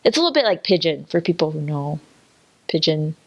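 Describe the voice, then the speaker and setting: A woman with a low-pitched voice and a softened Singaporean accent talks informally, explaining things as she goes. She pauses to search for her wording and offers examples in a casual way. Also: sing-song, creaky. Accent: Singaporean, softened for foreign listeners. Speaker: native speaker explaining dialect.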